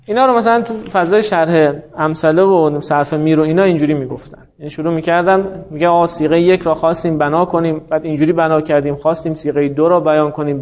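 A man's voice: a little high, darkish tone. A man teaching a grammar class, explaining patiently, quizzing his students and drawing out the words he quotes. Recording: muffled lo-fi classroom recording.

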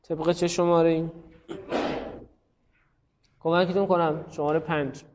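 Guy teaching a class, calls on students, thinks out loud, slightly high voice, dull echoey recording. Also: little pitch movement, a little hiss or hum. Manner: questioning students by name, thinking aloud. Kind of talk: classroom lesson on Arabic grammar.

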